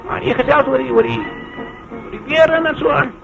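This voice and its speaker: A lively, teasing farmer friend. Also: male voice, extremely high pitch, a little fast, vocal fry, muffled recording, music in the background. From South Africa. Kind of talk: 1950s film comedy acting.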